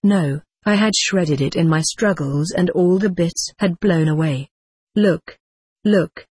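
Husky-voiced man narrating a story. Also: on the high side, measured pace, dry recording. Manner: dramatic, expressive reading. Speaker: audiobook narrator. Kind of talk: first-person story narration.

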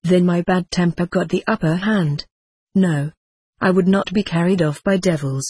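A man's voice: high voice, normal speed, darkish tone, breathy edge, no echo. A man reading a first-person adventure story aloud with dramatic expression. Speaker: audiobook narrator.

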